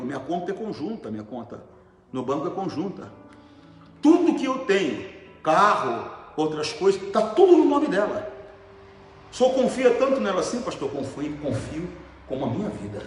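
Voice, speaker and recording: A middle-aged Brazilian man preaching a sermon as pastor, talking in an emphatic, conversational way and putting questions to the congregation. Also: a little high. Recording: very echoey hall, faint noise.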